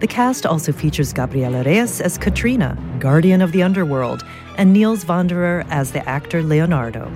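A woman reading a scripted radio promo in a loud, dense announcer's voice with polished, measured delivery. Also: sits low, lively intonation. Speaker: radio announcer for an opera broadcast. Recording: promo read over clear music. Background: music.

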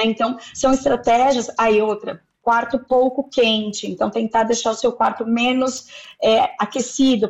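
Woman doctor explaining stuff calmly, bit high voice, kinda muffled audio. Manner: calm, explanatory, gives advice step by step. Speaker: doctor, sleep expert guest. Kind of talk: expert explanation in an interview. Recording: slightly dull, muffled audio.

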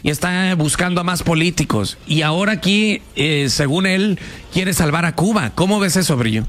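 A man's voice: on the high side, moderate pace, a bit bright. A man hosting a call-in radio talk show, argumentative and pushing back hard on his co-host. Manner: pushy, argumentative, raises voice when challenging.

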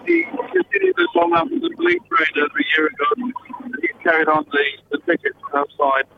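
A man calling in to a radio show over a muffled, underwater-sounding hands-free phone line, talking in halting bursts full of fillers. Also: very high-pitched, huge pitch swings, gravelly. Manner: halting, many fillers and restarts. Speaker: caller to a talk radio show. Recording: tinny muffled phone line with faint background noise.

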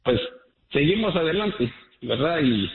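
A man's voice: fairly high pitch, sing-song, a little slow. A man from Guatemala calling a radio show by phone, speaking earnestly and gratefully about faith and loss. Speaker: radio caller. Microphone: telephone. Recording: tinny phone line with echo.

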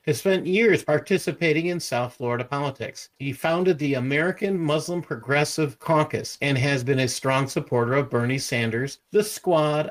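A man reads out a news item as co-host. His delivery is steady and scripted, in a slightly raised pitch. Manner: steady, reading aloud.

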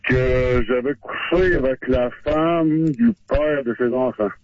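A man calling in to a radio show, his voice run through a voice changer to hide who he is. He speaks Québécois French in a hesitant, halting way, full of fillers, at a middling pitch. The call sounds muffled and lo-fi. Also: lively intonation. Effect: voice disguised by a voice changer. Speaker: caller. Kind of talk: casual confession on a radio call-in.

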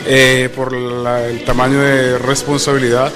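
A Venezuelan man with a Venezuelan accent, giving an earnest, measured radio interview and pausing to find his words. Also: mid-range voice, little pitch movement, over music. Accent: Venezuelan Spanish. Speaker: interviewee, community association member.

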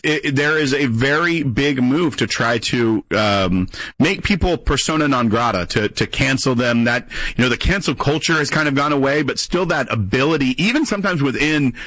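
A man's voice: mid-range voice, animated, normal speed, a bit bright, no echo, rough recording. An American man hosting a political radio call-in show, building his commentary with hesitations and restarts. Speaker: radio talk show host. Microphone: close studio microphone.

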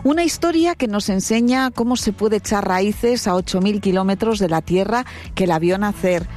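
Woman interviewer over soft music. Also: medium pitch, normal speed. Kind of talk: interview host, introducing a guest.

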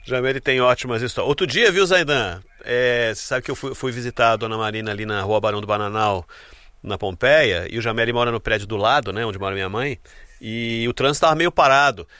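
A male radio sports host with a bright, forceful voice. He keeps an upbeat, quick banter going on a dry studio mic. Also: medium pitch, dry recording. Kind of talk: casual radio sports chat.

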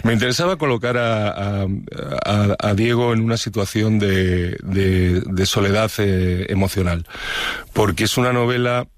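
A man with a low, deep voice, from Madrid, explains his work in an interview. He speaks reflectively, stopping and restarting phrases as he searches for words. The sound is dry and close. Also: unhurried, no room sound. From Madrid, Spain. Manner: thoughtful, with frequent restarts and hesitations. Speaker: novelist guest.

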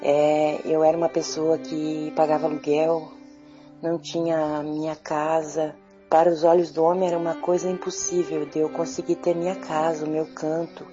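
A woman giving a quiet, measured church testimony with pauses, in a dull lo-fi recording with faint music. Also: deep voice, little pitch movement.

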